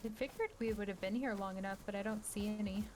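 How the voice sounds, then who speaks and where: A woman chats casually while playing a survival game with friends, explaining things with plenty of filler words. Her voice sits at a middle pitch. Steady rain noise runs clearly behind her. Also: fast. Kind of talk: casual gaming chat.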